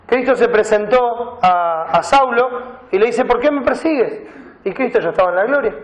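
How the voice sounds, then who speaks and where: A pastor delivers his sermon in a high voice, reading Bible verses and unpacking the words. The sound rings around a reverberant church hall. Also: normal speed. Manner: preaching, reads scripture aloud and explains Greek words.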